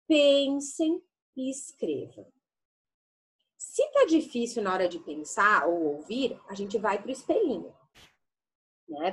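A woman teacher giving a lesson to young children, sounding out syllables slowly and coaxingly. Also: mid-range voice, breathy edge. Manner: slow, sing-song sounding out of syllables; affectionate, coaxing.

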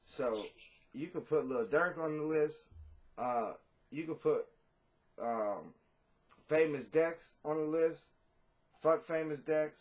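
A rapper in his thirties talks casually in a video-call interview from a small room at home, blunt, laid-back, and cursing freely. His voice is a little high, and he speaks slowly, pausing often.

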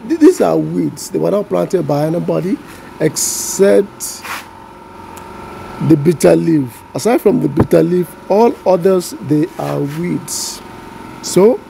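In this relaxed walk-through, a vlogger with a Nigerian accent, a native Yoruba speaker, shows off backyard weeds, taking his time and pronouncing plant names with self-deprecating humor. His voice sits a little high and is creaky and mellow, though the audio is poor. He stays off-screen holding a phone camera, with a generator humming in the background.

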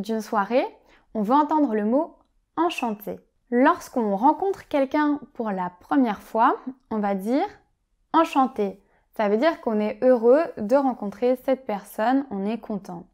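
A woman teaching French vocabulary in a clear, patient way, often pausing on "euh" and acting out example phrases with a lively tone. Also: on the high side. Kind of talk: vocabulary lesson explaining phrases.

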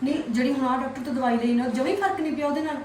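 A woman's voice: high-pitched, rapid-fire, darkish tone, a little hiss or hum, lightly acted. A woman playing a worried, insistent visiting relative with a Punjabi accent. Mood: concerned. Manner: insistent, concerned questioning. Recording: echoey room, mic far off.

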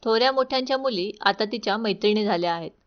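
A woman's voice: mid-range voice, fast talker, natural voice. A woman voicing an angry, poor old woman with a stick who scolds bitterly in a storytelling recording. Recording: dull lo-fi recording.

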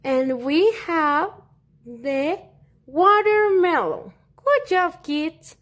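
Woman voicing a high, slow, cheerful puppet dog for toddlers. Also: very animated, fairly bright tone, heavily acted. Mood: cheerful, encouraging. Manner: simple, encouraging, repeats words slowly for toddlers. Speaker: preschool English teacher. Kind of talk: children's vocabulary lesson, as if talking to a toddler.

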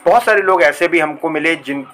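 This is a male reporter reading a local news voice-over in an upbeat, friendly manner. His voice sits a little high for a man. He speaks straight to the viewers, calling them his friends. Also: a little fast, sharp tone. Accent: Hindi, from Lucknow region.

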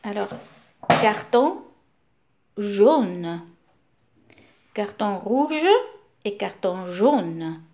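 Animated woman reading to small children. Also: mid-range voice. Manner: slow, animated, sing-song storytelling. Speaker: teacher reading to young children. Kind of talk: read-aloud children's story.

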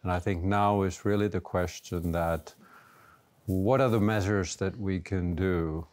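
Seated in a library room lined with bookshelves, this education leader from Finland, a man in his fifties, joins a panel discussion as a guest. He has a deep, darkish voice with a steady tone and an unhurried pace, and his Finnish-accented speech is hesitant, full of fillers and restarts.

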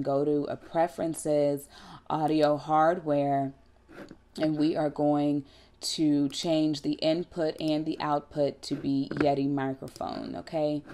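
Speaking close to a desktop USB condenser mic in a small room at home, a woman in her thirties gives a casual production tutorial. She's a radio personality with a low-sitting voice and a colloquial, animated, conversational delivery.

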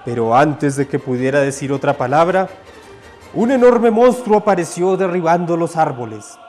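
A man reading a storybook aloud with a high voice and lively, animated swings of pitch. His delivery is expressive and theatrical, with faint music playing under it. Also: moderate pace.

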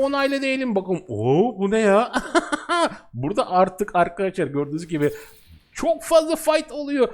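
A man hosts a casual let's-play, chattering excitably to his viewers while he plays. His pitch swings widely from line to line, and he laughs a lot between remarks. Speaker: gaming channel host.

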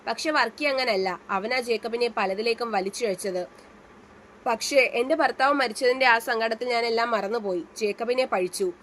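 A woman voicing a gentle, wise elderly grandmother who consoles her family in a read-aloud story. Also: on the high side, moderate pace, a little hiss or hum, lightly acted. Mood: consoling.

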